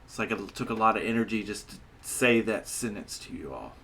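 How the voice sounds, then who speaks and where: A man narrating a tabletop game as game master, improvising haltingly as he searches for descriptive words. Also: lowish voice, lively intonation, fairly bright tone, far from the mic.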